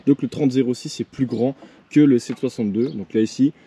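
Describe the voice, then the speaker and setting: A man's voice: mid-range voice, brisk, warm tone. A man, casually showing his militaria collection, hesitant with many fillers. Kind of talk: casual show-and-tell vlog. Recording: clear background noise with clicks.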